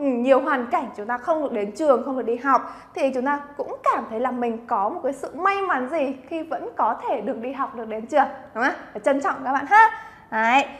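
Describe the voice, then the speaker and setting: A bright, high-voiced woman from Vietnam teaches Japanese vocabulary. She chats encouragingly and draws words out slowly so listeners can repeat them. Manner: chatty and encouraging, drawn-out repetition of Japanese words. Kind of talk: lively vocabulary lesson.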